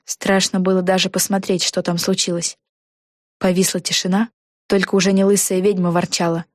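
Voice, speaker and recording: A woman with a lowish voice reads a children's storybook at a moderate pace, keeping her delivery even and clear. The recording is close and dry, with no echo.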